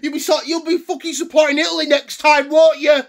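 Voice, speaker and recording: A man playing an angry young football fan in a comedy sketch, ranting and swearing with shouted bursts. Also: extremely high pitch, little pitch movement, fairly quick. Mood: furious. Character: furious English male football fan ranting. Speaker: comedy character.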